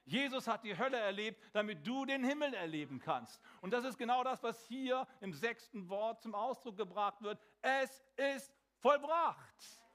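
A man preaching a sermon, dramatic and swinging between emphatic lines and hushed ones, slowing for emphasis. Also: high-pitched, lively intonation.

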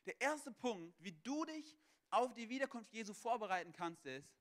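Animated high-voiced young preacher. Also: male voice, moderate pace. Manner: casual, animated preaching with slang. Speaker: pastor. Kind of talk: sermon.

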